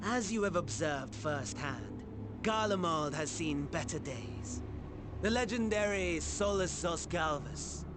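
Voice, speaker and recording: Over an orchestral game score, an actor voices a male villain in a video game cutscene, mocking with sneering, theatrical, playful glee. His voice is fairly high with lively intonation, and he speaks slowly.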